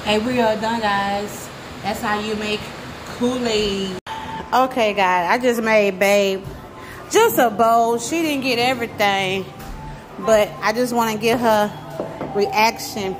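A woman's voice: medium pitch, slow, music in the background. A young woman, chatting to viewers in a casual cooking vlog, recorded on a phone at arm's length in a home kitchen. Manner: chatty, talks straight to viewers. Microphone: phone held at arm's length. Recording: echoey kitchen, background noise.

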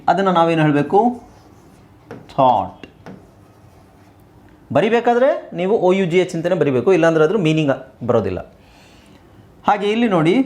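A man's voice: fairly high pitch, a little mellow. A middle-aged man with a Kannada accent teaching an English lesson, patiently spelling out and repeating words. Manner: explains patiently, repeats words, slow deliberate spelling aloud.

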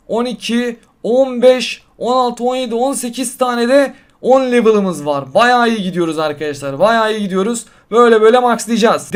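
A young man giving casual gameplay commentary to his viewers, excitable and quick to get frustrated. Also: high voice. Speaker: gaming YouTuber. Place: hot room at home.

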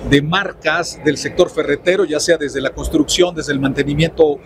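A man's voice: fairly high pitch, fairly even intonation, moderate pace. A middle-aged man with a Mexican accent interviewing a guest at a trade show booth, upbeat and promotional, speaking straight to the audience. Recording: noisy expo floor ambience.

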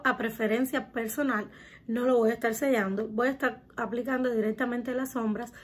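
A woman's voice: a little high, breathy edge. A young woman hosting a step-by-step makeup tutorial, talking in a chatty way to her viewers and using lots of diminutives. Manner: chatty, addresses viewers as girls, uses many diminutives.

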